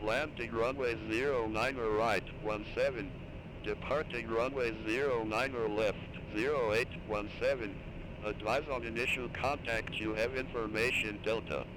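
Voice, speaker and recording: A man's voice: medium pitch, background noise. Male voice reading an airport weather broadcast. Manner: flat, measured, reading weather and runway numbers. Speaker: automated airport information broadcast.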